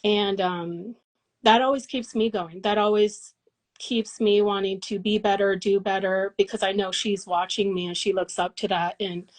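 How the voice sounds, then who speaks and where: A woman's voice: medium pitch, steady tone, normal speed, poor audio. A woman in her forties from Colorado, a massage therapist and business owner, talking in a casual interview in an earnest, reflective way with many fillers and restarts. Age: 40s.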